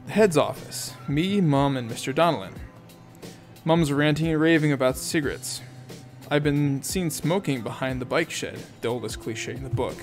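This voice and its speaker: A man's voice: medium pitch, lively intonation, normal speed, faint music behind. A man reading a novel aloud in first person, in a casual amateur audiobook style with asides and self-corrections. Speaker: audiobook reader.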